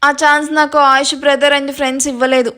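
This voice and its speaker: A woman's voice: high voice, level tone, a little slow, bright, forceful tone. A woman reading the lines of a sly, scheming woman on a phone call in a storybook. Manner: sly, smug.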